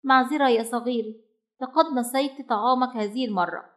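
A woman's voice: a little high, fairly quick, lightly acted. A woman voicing a loving but firm mother bird in a storybook reading, speaking sternly and decisively and then with tenderness.

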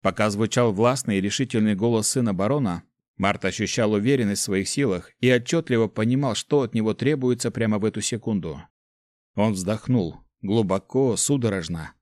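A man reading a fantasy novel aloud in steady, measured scripted narration. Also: on the low side, no echo, clean studio sound. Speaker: audiobook narrator.

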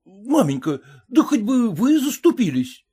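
A woman's voice: deep voice, animated, a little slow, warm tone, breathy edge, pitched above the performer's own voice, full character voice. Woman doing a flustered, pleading merchant husband. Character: bewildered middle-aged merchant husband, meek.

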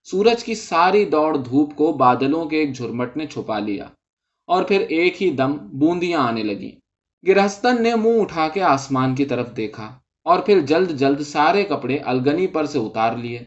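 A man calmly reading a short story aloud as narrator, in a dull lo-fi recording. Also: a little high.

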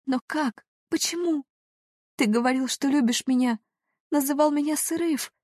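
A woman voicing a heartbroken young woman who pleads in a high, tearful voice. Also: moderate pace, a little mellow, dry recording, studio quality, natural voice. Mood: pleading.

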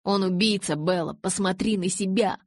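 Woman playing a hot-tempered young man, loud and sharp. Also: medium pitch, moderate pace, no room sound, studio quality, lightly acted. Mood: angry. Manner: loud, barking, insistent. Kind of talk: audiobook character voice.

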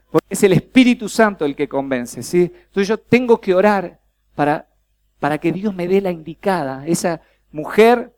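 A man with a Rioplatense Spanish accent preaching a workshop at a church youth congress, lively, quizzing the crowd and acting out little dialogues. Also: high voice.

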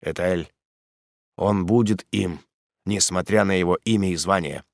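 A man voicing a bitter, vengeful old father in an audiobook, speaking gravely and low. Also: unhurried, dry recording, studio quality. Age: older. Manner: grave, brooding, bursts into fury.

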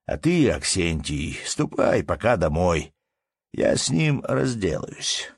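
A man voicing a blustering, domineering middle-aged village steward who shouts orders and laughs mockingly. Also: sits low, sing-song, slow, dry recording, studio quality, full character voice. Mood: jovial. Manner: gruff, bossy, mocking laughter.

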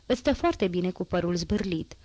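Hoarse poor girl, put on by a woman narrator, boastful chatter, nervous underneath, dry close storybook sound. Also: on the low side, lively intonation, a little mellow, dry recording. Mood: eager. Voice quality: hoarse, strained voice. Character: poor ragged teenage girl, brash yet anxious.

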